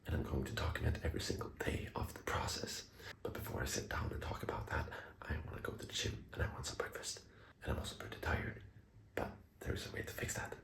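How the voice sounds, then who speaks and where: Hushed whisper from a young man. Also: very deep voice, steady tone, fast, creaky, reverberant, poor audio. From Sweden. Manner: hushed whisper, quiet at night so as not to wake someone. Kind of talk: vlog, whispering quietly.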